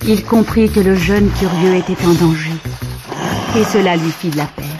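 A woman narrating a children's storybook cassette with an expressive storytelling cadence. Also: fairly low pitch, normal speed. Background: background music.

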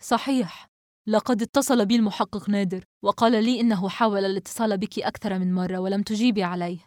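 A woman's voice: mid-range voice, steady tone, quick pace, a little mellow, dry recording, studio quality, close to an everyday voice. A woman reading a novel aloud, voicing a polite, slightly hesitant male driver.

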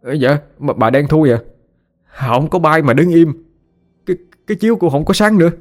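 A man's voice: normal speed, faint music behind, natural voice. A man voicing a terrified young man who stammers and shrieks in panic. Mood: panicked. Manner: stammering, panicky, high-pitched.

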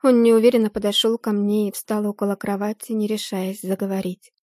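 A woman narrating a fantasy audiobook in the first person, with expressive, steady storytelling. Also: medium pitch, fairly quick, dry recording, studio quality.

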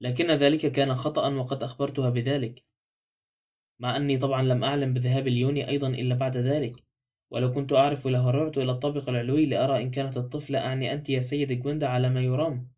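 A chatty, apologetic old housemaid rushing through her memories of a night long past, as a male reader speaks her lines in his own plain voice. She races along, words tumbling out. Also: mid-range voice, flat delivery, darkish tone, close to an everyday voice. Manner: rambling, apologetic.

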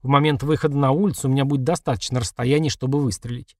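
A man's voice: medium pitch, fairly even intonation, rapid-fire, a little mellow, no room sound, studio quality. A man reading a first-person audiobook in a tense, matter-of-fact way. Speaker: audiobook narrator.

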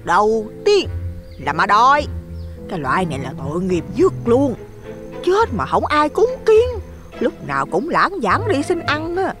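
A man's voice: very high voice, wildly swooping pitch, unhurried, over music, voice pushed up, exaggerated voice. Man voicing a gossipy old village woman. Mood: lecturing. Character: gossipy plump village woman in her sixties, loud, nosy.

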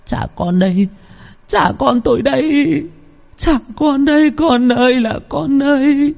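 A man's voice: very high-pitched, a little slow, gravelly, darkish tone, pitched above the performer's own voice, full character voice. A man putting on a wailing village mother in a horror story. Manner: shrieking, wailing for her child. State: crying. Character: older village woman, frantic grieving mother.

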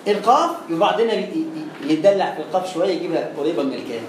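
Very fast and lively in intonation, this man's voice sits on the high side as he teaches Quran recitation with an Egyptian Arabic accent. He chats through an explanatory lesson, repeating words and sounding out letters, in a room with echo and faint background noise.

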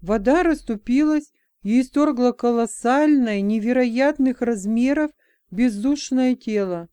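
A woman narrating a story in a measured, even reading voice. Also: on the high side, smooth, no echo, studio quality. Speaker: audiobook narrator. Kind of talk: scripted narration.

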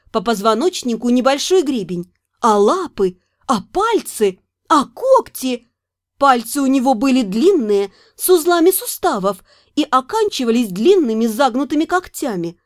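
A woman narrates a story in the first person with a high, bright-toned voice that swings widely in pitch. She reads expressively, close to the mic in a dry, dead room. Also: dry recording. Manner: expressive, acts out the heroine's lines. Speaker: audiobook narrator.

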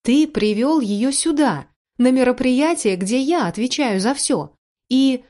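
An upset young woman flares up with raised, tearful retorts, as a woman narrator voices her. The voice sits high and strained, and it is read aloud from a storybook. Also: animated, moderate pace, darkish tone, close to an everyday voice. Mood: angry. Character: angry hurt young woman, sharp-tongued.

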